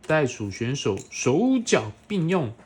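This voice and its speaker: A woman animatedly reads a picture book to a toddler, asking questions and making playful sound effects. Her voice sits low and a little mellow with a breathy edge, moving slowly through big pitch swings.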